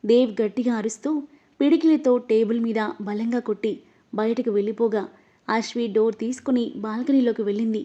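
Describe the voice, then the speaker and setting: A woman reading an emotional novel aloud as narrator, voicing every character herself and getting louder in the angry lines. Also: fairly high pitch, steady tone, brisk. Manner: reads all the characters, her voice rising louder in angry lines. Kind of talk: scripted story narration. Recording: dull, lo-fi audio.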